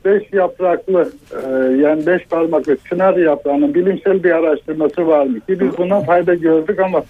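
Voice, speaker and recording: A man from Bursa calling in over a landline phone to ask a radio show a question. He speaks in a hesitant, polite, measured way. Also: fairly high pitch, steady tone. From Bursa, Turkey. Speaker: caller. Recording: narrow tinny phone line.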